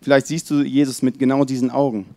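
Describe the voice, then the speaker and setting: Male preacher, earnest, talks straight to the congregation, dark mellow tone, dry close sound. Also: medium pitch, little pitch movement, no echo. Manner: earnest, addresses listeners directly; drops to a soft, slow tone when reading scripture. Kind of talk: Christmas Eve sermon. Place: church.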